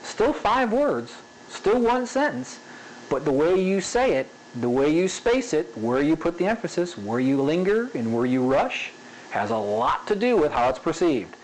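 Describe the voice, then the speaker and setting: A man's voice: high-pitched, big pitch swings, moderate pace, a little hiss or hum, poor audio. Chatty man teaching animation. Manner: conversational, repeats "okay?" often, varies pace to demonstrate. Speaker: animation instructor. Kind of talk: casual spoken lesson.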